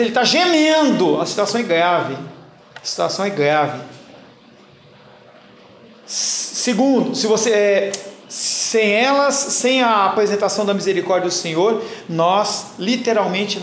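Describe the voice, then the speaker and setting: A man with a fairly high voice teaches a Bible class as pastor, blunt and teasing. His voice rings through a roomy church hall, with a faint hiss beneath it. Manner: blunt, teasing, addresses listeners by name.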